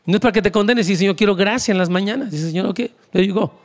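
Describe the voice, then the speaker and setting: A man's voice: high-pitched, fast talker. A man, preaching a conversational, emphatic sermon as pastor, with asides to the congregation.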